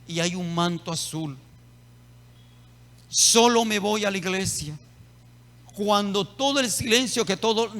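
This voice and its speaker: A man preaching a sermon as a pastor, telling personal testimony with emotional swells and quiet stretches. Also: sits high. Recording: long hall reverb.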